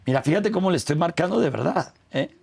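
Mexican man, middle-aged, slightly high gravelly voice, chatty anecdote-teller in an interview. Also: animated, fast talker, a little mellow. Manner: chatty storyteller, repeats words, quotes family in dialogue. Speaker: interview guest. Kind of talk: casual interview chat.

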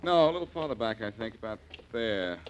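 Lively old radio detective, Boston Blackie, played by a man. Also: mid-range voice, brisk, highs cut off, natural voice. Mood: investigating. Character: sharp, confident male amateur detective. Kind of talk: old radio show acting. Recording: old radio recording with faint noise.

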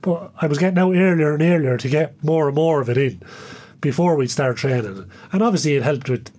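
Irish male interview guest, former sportsman, colloquial and self-deprecating, voice a touch rough and not very clean. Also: fairly high pitch, fairly quick, a little mellow. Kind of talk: casual reminiscing in an interview.

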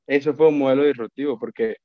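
On a relaxed podcast, a guest who works as an account manager talks thoughtfully in a Colombian Spanish accent, frequently repeating himself and starting over. This Colombian man has a mid-range voice, a steady tone and a fast delivery. The sound is dry, with the upper frequencies missing.

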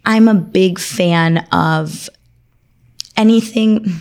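A woman's voice: mid-range voice, darkish tone. A woman born in Argentina and raised in Miami, an attorney speaking as a guest in a conversational interview, articulate and enthusiastic. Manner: articulate, enthusiastic, lists things quickly.

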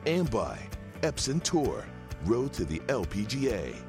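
A man's voice: fairly low pitch, wildly swooping pitch, unhurried. A man reading a scripted promotional voice-over as a broadcast sponsor announcer. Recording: music bed under the announcement. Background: music.

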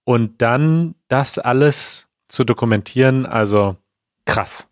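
A man's voice: mid-range voice, takes it slowly, dry recording, studio quality. A man co-hosting a podcast, talking in an enthusiastic, admiring way in a casual interview. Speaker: podcast co-host.

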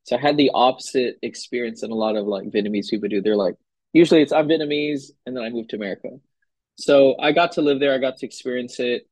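A young man from Hawaii talks easily in a casual interview, his voice slightly husky and breathy. The sound is close and dry. His speech wanders loosely, full of fillers. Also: mid-range voice, no echo, poor audio. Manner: relaxed, loose, filler-heavy talk. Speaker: guest musician. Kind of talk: casual conversation.

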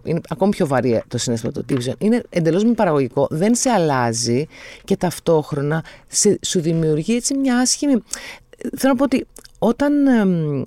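A middle-aged woman in casual conversation, her pitch rising and falling freely as she talks. She reflects as she goes and pauses to search for words. The sound is close and dry. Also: dark tone, no room sound. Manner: reflective, thinks aloud with hesitations. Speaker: guest.

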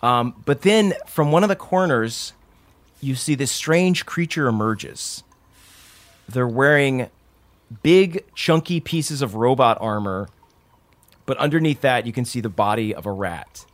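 A man's voice: mid-range voice, lively intonation, measured pace. A man narrating a tabletop game as the game master.

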